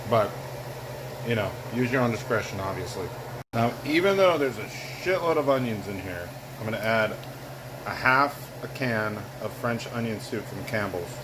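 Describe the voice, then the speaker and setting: A man's voice: lowish voice, expressive, moderate pace. A man talking casually through his home cooking in a giggly, loose, tipsy ramble. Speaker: home cook recording a cooking video. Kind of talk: casual cooking vlog talk. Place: home kitchen, indoors. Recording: clear background hum of air conditioning.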